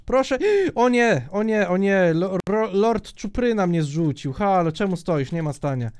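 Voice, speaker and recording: A young man giving joking, excitable commentary while he plays a multiplayer block-building minigame, often shouting at other players. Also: sits high, a little slow, clean tone. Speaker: gaming YouTuber.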